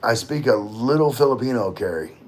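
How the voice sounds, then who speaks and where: On his casual livestream, a middle-aged man goes through viewer comments and replies informally, wandering off topic and sometimes swearing. His voice sits in the mid range, with lively intonation and a brisk delivery.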